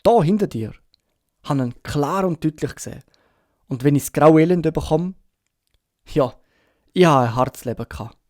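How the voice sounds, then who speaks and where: A Swiss German man voicing a sick, gruff old sea captain in an audiobook, urgent and pleading in rough sailor talk. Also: fairly high pitch, lively intonation, normal speed, long pauses, darkish tone, no room sound, studio quality, close to an everyday voice. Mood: fearful, pleading. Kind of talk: audiobook character reading.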